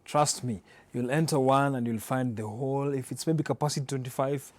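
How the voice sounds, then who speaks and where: A man's voice: medium pitch, fairly even intonation, brisk, no echo. A man with a Kenyan accent interviewing someone in a chatty, conversational way, often chiming in with affirmations.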